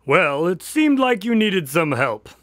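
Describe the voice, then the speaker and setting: A loyal doctor who helps a detective and tells the tales in a radio drama. His slightly high voice is expressive and moves widely in pitch, recorded dry and close. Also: a little slow, no echo, exaggerated voice. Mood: earnest. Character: loyal male doctor, detective's sidekick and storyteller.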